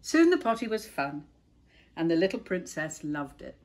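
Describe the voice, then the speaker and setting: A woman's voice: sits low, very animated. A middle-aged woman reading a children's picture book aloud and chatting about the pictures between pages. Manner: gentle, chatty, pauses to point out pictures.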